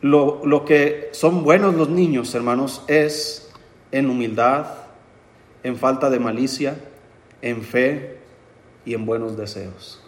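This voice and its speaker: A man's voice: medium pitch, takes it slowly, pauses often. Preacher guy giving a sermon, keeps saying brothers, echoey church room. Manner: addresses congregation as brothers, rising emphasis on key phrases.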